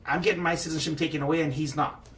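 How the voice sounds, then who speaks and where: Guy in his 30s from trinidad, talks fast and fired up, sounds a bit far from the mic. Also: fairly high pitch, fairly even intonation, a crowd in the background. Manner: fast, passionate and earnest, repeats himself. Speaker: studio guest. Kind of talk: casual talk-show discussion. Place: TV studio. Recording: distant mic with faint ambience.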